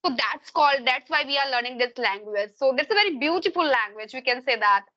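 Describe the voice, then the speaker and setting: This woman from Uttar Pradesh, a Hindi speaker with an Indian accent who teaches English, talks a little fast in a high voice with lively intonation. The recording is muffled; on the casual video call she gives long, searching replies that often slip grammatically.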